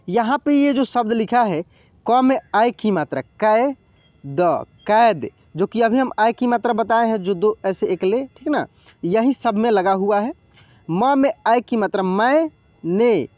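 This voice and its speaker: A man's voice: high-pitched, darkish tone, no echo. Patient man teaching reading. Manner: patient, spells words out slowly syllable by syllable. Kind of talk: online reading lesson.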